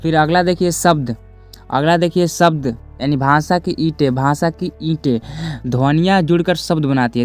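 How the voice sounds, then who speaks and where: A man's voice: on the high side, a little mellow. A young man teaching a lesson, repeating each point twice and speaking straight to his students. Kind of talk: classroom lesson explaining step by step.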